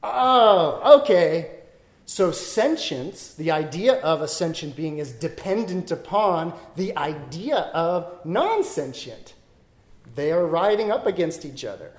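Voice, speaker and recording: Male dharma teacher, slow and exploratory delivery, echoey room. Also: fairly high pitch, big pitch swings. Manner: explanatory, thinking aloud with many "like" and "right?". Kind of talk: dharma talk.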